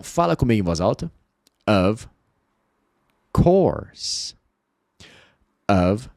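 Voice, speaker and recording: A man whose first language is Portuguese, teaching English in an online lesson and drawing out model words slowly so that learners can repeat them. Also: fairly low pitch, a little mellow, no room sound, clean studio sound.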